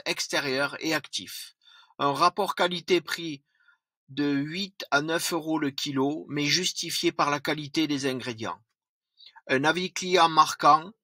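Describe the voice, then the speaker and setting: Male vlogger, unhurried, dry close mic, corrects his own slips often. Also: fairly high pitch, bright, forceful tone, no echo. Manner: reads a list of points with slips and self-corrections. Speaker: product reviewer. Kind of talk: product review vlog.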